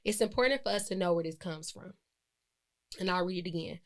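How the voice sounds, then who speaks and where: Speaking briskly in a fairly low voice, this podcast host is a woman in her 20s. Her solo episode is a casual, chatty reflection, peppered with fillers and moments where she corrects herself.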